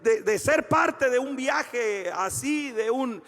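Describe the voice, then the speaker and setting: A man preaching a fervent sermon, swinging from shouted declarations to hushed storytelling. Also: very high voice, lively intonation, takes it slowly, big-room sound. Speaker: pastor.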